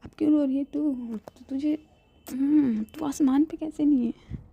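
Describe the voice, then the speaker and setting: A woman voicing an excited, teasing young woman who jokes loudly with her best friend. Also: a little high, takes it slowly, creaky, breathy edge, lo-fi sound, heavily acted. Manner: loud playful teasing.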